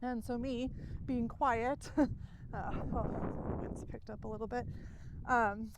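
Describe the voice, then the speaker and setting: A woman's voice: a little high, fairly even intonation, takes it slowly, heavy background noise. Breathless middle-aged woman vlogging on a walk. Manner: talks loosely with fillers and small laughs. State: a little out of breath. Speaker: success coach. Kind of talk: casual vlog while walking. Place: outdoors, walking at dusk. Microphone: headphone mic, then phone mic.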